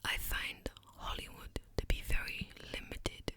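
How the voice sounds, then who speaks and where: Slow, whispering ASMR woman. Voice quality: breathy unvoiced whisper, close to the ear. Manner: slow, gentle pacing with repeated words. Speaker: ASMR content creator. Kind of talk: ASMR whispered rambling chat. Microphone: close ear-to-ear ASMR microphone.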